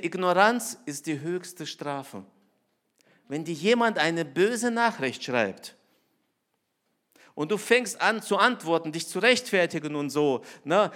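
A middle-aged man preaching a conversational sermon, acting out voices and swinging between hushed asides and loud emphasis. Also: sits high. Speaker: pastor.

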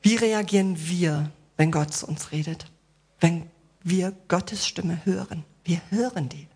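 Speaking in a lowish, unhurried voice with a breathy quality, a woman preaches straight to the congregation. She mixes rhetorical questions with playful asides and offers gentle reassurance.

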